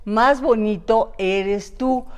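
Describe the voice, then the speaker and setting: A woman's voice: fairly high pitch, extremely slow, smooth. A woman co-hosting an interview in a guest's home, talking in a playful, exclamatory way full of interjections. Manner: animated, playful teasing. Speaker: co-host. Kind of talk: lively interview chat.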